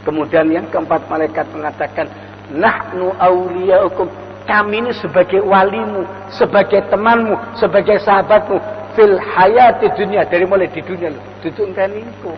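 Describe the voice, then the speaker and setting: A man's voice: sits high, fairly even intonation, moderate pace. An older man preaching a dawn sermon, telling stories and acting out the voices in them. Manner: storytelling, acts out quoted voices. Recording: lo-fi recording in a reverberant hall with faint noise.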